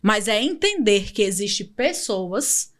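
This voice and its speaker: A woman's voice: medium pitch, very animated, slow pace. A woman hosting a podcast, speaking enthusiastically and repeating her key phrases for emphasis. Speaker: podcast host, image consultant. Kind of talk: motivational podcast talk.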